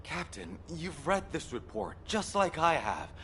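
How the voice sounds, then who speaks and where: A man's voice: a little high, very animated, unhurried, fairly bright tone. An actor playing an anguished young man in a video game, pleading with his captain in an exasperated, emotional way. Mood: urgent, pleading. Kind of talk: dramatic video game voice acting. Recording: music playing behind.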